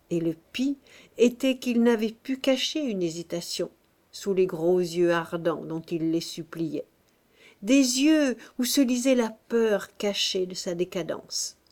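A woman narrating a classic novel as an audiobook in a measured, expressive reading. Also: fairly high pitch.

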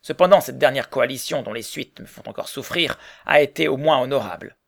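An earnest middle-aged mill owner argues his case in a measured, serious way, as a man reads him aloud. The voice is heavily gravelly with a rough, creaky edge. It plays out like an audiobook scene. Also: mid-range voice, dry recording, clean studio sound.

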